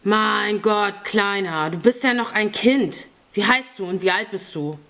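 A woman's voice: medium pitch, measured pace, a bit bright, voice pushed up. A woman voicing a hard, threatening grown man in an audiobook reading. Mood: stern. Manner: harsh, threatening. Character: stern, menacing grown man.

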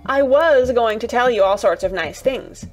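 A woman voicing a stubborn, sour-tempered young girl in a storybook reading, with fierce, sharp retorts. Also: medium pitch, animated, unhurried, soft background music, poor audio.

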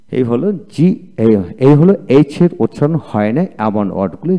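A man's voice: lowish voice, lo-fi sound. A man teaching English pronunciation, repeating each word twice and spelling out the letters. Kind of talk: vocabulary lesson, repeating words.

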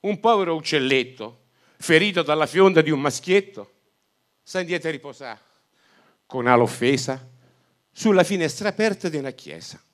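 A man reciting a comic rhyming poem, with rhythmic delivery and dramatic pauses. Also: on the high side, expressive.

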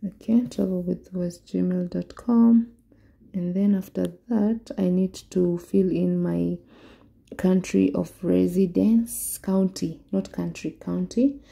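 A woman's voice: on the low side, fairly even intonation, vocal fry, warm tone. A Kenyan woman walking viewers through an online form step by step in a screen-recorded tutorial. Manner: slow, step-by-step explaining. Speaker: vlogger.

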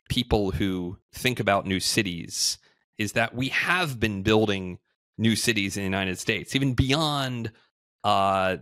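A man in his thirties, a guest on a remote video call, explaining things in a measured way with frequent fillers. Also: lowish voice, fairly bright tone, no echo. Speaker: podcast guest, housing entrepreneur. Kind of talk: conversational interview.

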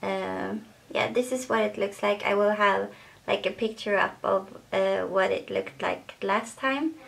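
A woman's voice: mid-range voice, fairly even intonation, measured pace, vocal fry, fairly bright tone. A young woman with a Swedish accent talking casually to camera as a beauty vlogger, hesitant and full of fillers.

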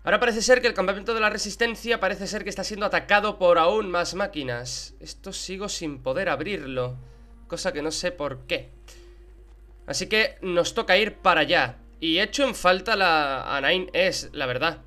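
A young man from Spain with a Spanish accent, giving excitable Let's Play commentary and swearing in surprise as he plays. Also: high voice, moderate pace. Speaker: gaming YouTuber. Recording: game music behind.

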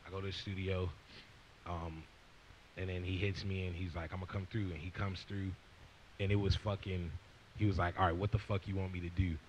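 A low-pitched, flat, brisk delivery comes through dull audio with a bit of hiss or hum. The speaker, a young guest rapper in his twenties, sits on stage by a leather couch facing an audience and uses a handheld mic to ramble through a long, profane story, playing out the lines people said.

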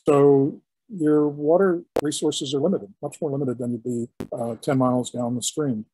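An older man, a historian, giving an illustrated lecture in a halting, explanatory way with frequent restarts. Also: medium pitch, steady tone, dark tone, breathy edge, no room sound, soft background music, low-quality recording. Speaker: historian giving a guest talk.

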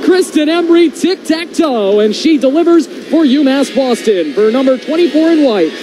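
A man giving brisk play-by-play commentary as a hockey announcer. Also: very high voice, animated. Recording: noisy rink broadcast audio.

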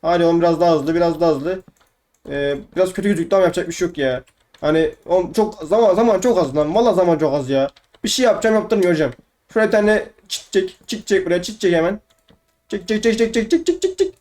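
Fast and high-sitting with a darkish tone, this young man's voice carries casual let's-play commentary as a gaming YouTuber. He's chatty and playfully profane, frequently repeating words over and over.

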